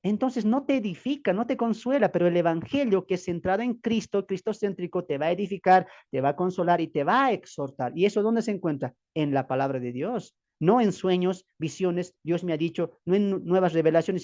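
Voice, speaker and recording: A man's voice: high voice, fairly quick, few pauses, darkish tone, dull audio. A man from Bolivia teaching from the Bible as a preacher, emphatic and full of rhetorical questions, calling listeners beloved brothers.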